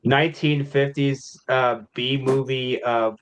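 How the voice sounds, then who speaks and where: A man from the American Midwest, a podcast guest chatting casually, animated and full of restarts. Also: mid-range voice, slow pace, slight background noise. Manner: animated, restarts a lot, many "like" fillers.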